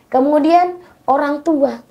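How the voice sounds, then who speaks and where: A woman co-hosting a podcast in casual, lively chat, tossing in English phrases. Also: high voice, slow pace, dull audio. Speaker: podcast co-host.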